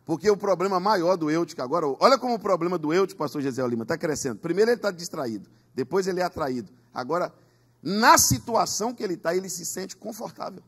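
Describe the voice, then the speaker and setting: Husky, emphatic preaching pastor, a man. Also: sits high, animated, fast. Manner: emphatic preaching with call-and-response. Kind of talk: Pentecostal sermon. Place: church.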